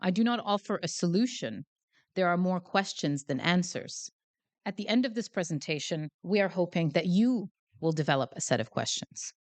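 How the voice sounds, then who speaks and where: An animated Canadian woman with a lowish voice talks at a normal pace in a guest academic lecture. She uses a handheld mic in a lecture hall before a live audience, and her chatty, self-deprecating style is packed with fillers.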